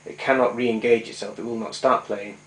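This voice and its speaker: A man with a steady, mid-range voice talks briskly while demonstrating his vintage tape recorder as a hobbyist. The demonstration is informal and hands-on, and he explains hesitantly, often correcting himself. The recording is clearly noisy, with clicks.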